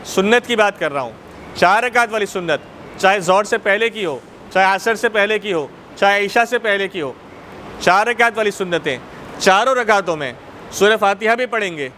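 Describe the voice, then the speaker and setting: Mosque teacher, Pakistani Urdu, male, repeats his points and checks the class, bright tone. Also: sits high, a little hiss or hum. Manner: repetitive, checks students' understanding. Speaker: religious teacher. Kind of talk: Islamic jurisprudence class.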